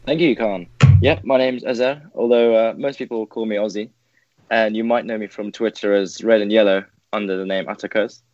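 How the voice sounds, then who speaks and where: Easygoing low-voiced man, dry lo-fi audio. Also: steady tone, fairly quick, darkish tone, no room sound. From England. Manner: easygoing, joking. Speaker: podcast co-host. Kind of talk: casual chat.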